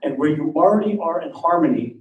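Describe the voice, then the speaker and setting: Man pitching from far off in an echoey hall. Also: lively intonation, a little fast, narrow, tinny audio. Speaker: intercultural communication strategist. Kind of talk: startup pitch talk.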